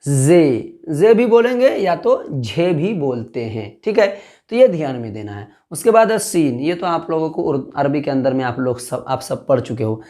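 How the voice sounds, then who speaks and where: Teaching the Urdu alphabet online, a man speaks at normal speed in a warm, slightly high, very animated voice. He goes through each letter name, restates his points and checks the viewer's understanding with questions.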